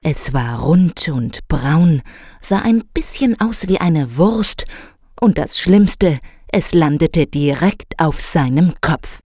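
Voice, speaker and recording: A woman reading a children's story aloud in a measured, expressive storytelling manner. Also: sits low, dry recording, clean studio sound.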